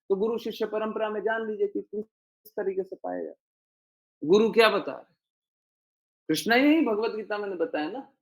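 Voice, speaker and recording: A man's voice: high voice, darkish tone, rough recording. A man giving a devotional talk as spiritual teacher, answering listeners' questions earnestly and repeating key phrases.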